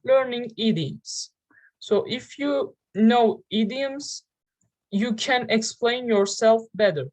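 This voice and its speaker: A young woman with a Turkish accent teaching English in a slow, careful lesson, pausing often and using fillers. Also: on the high side, a little mellow, low-quality recording. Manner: slow, deliberate, with pauses and fillers. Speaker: English learning video host.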